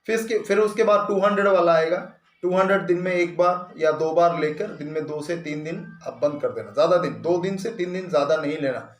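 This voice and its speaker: A man's voice: fairly high pitch, a little fast. A male homeopathy doctor giving a clinical lesson in Hindi, explaining symptoms plainly and mixing in English medical terms. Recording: echoey room.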